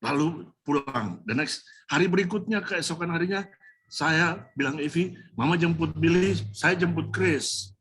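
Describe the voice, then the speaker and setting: A man preaching from the pulpit, telling his own story with deep feeling and calling out to the congregation. His voice sits fairly high, and he slips English words into his sermon. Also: unhurried, fairly bright tone, husky. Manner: emotional storytelling, addresses the congregation directly. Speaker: pastor. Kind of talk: sermon with personal testimony.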